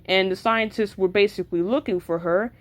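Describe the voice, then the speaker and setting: Speaking a little fast at a medium pitch with fairly even intonation, a creator chats casually about her characters' lore. She rambles, leans heavily on filler words and frequently stumbles and starts over.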